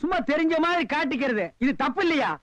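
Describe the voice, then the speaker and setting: A man's voice: very high-pitched, expressive, a bit bright, no echo. An actor playing a whiny, bossy male comic beggar in a Tamil film comedy, with a Tamil accent. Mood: lecturing. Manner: whiny, scolding, quick comic patter. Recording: dull lo-fi film audio.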